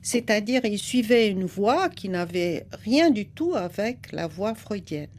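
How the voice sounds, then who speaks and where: An older Brazilian woman, a psychoanalyst and writer whose first language is Portuguese, is a guest in a relaxed interview. She speaks slowly, thoughtfully and unhurriedly, laughing now and then, in an animated, mid-range, darkish voice with a little hiss or hum.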